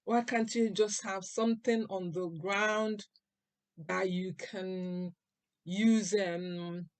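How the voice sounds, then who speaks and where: An older woman talking casually to her viewers in a vlog, chatty and unhurried, with pauses and fillers. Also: medium pitch, fairly even intonation, no room sound. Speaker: vlogger. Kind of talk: casual vlog talk to camera.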